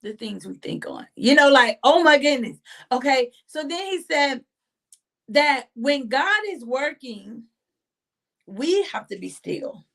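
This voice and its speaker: A woman hosting a live stream, giving an animated casual devotional talk and exclaiming often to her listeners. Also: high voice, takes it slowly, gravelly. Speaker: host of a faith live stream.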